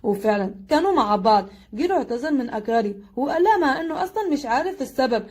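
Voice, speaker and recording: A woman with an Egyptian accent retells an anime plot in a chatty, casual way. She talks very fast, with a high voice. Her pitch swings widely throughout. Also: animated, darkish tone. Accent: Egyptian Arabic. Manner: chatty, rapid. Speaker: anime recap narrator. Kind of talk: casual storytelling recap.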